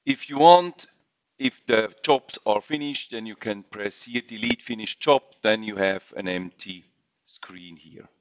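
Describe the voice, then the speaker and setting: Slow, halting man giving a webinar. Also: on the low side, no echo. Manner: halting non-native English with fillers and restarts. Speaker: software trainer. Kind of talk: webinar screen-share walkthrough.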